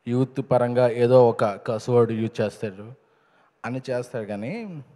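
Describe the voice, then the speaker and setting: A man's voice: mid-range voice, moderate pace. A man, a film producer, giving an emphatic stage speech at a film event, punching up key points and slipping in English phrases. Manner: emphatic, rising to loud stresses. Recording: reverberant event hall.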